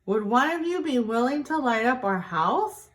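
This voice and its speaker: A woman voicing a kindly, courteous hermit crab in a children's storybook, with gentle exclaiming politeness. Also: on the high side, lively intonation, normal speed, pitched above the performer's own voice. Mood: admiring, asking. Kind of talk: storybook character reading.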